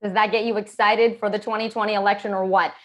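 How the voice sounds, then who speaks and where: A woman's voice: medium pitch, level tone, fast talker. A woman moderating a live-streamed town hall from a home room, presenting in an upbeat, conversational way on a lapel mic.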